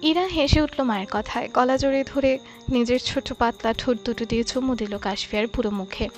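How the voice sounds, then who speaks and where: A woman narrating a romantic audio story in a soft, steady storytelling voice. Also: a little high, brisk, faint music behind. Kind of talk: scripted narration.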